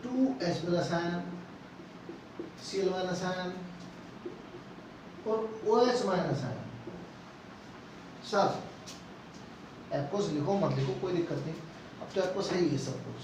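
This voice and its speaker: A man's voice: high voice, slow pace, long pauses. A man teaching a chemistry lesson, asking the class questions and repeating key terms. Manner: mixes Hindi with English technical terms. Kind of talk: classroom lecture with questions to students. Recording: echoey classroom, mic far off, faint noise.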